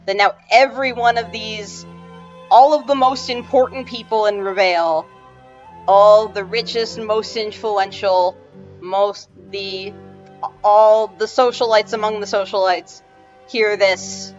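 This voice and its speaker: A woman's voice: mid-range voice, fairly even intonation, unhurried. A woman narrating a tabletop game as game master, rambling with many restarts and fillers. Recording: dull lo-fi with faint music.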